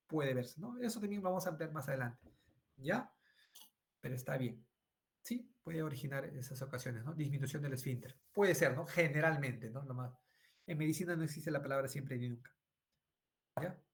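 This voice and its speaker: A middle-aged man with a somewhat high voice delivers an online medical lecture at a moderate pace. He repeats phrases and leans on fillers and tag questions, frequently asking "right?"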